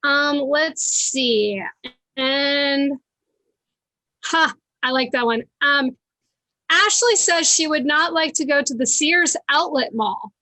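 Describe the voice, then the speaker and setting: A woman's voice: high-pitched, takes it slowly, sharp tone, no echo. A woman casually hosting a live improv comedy show and introducing games.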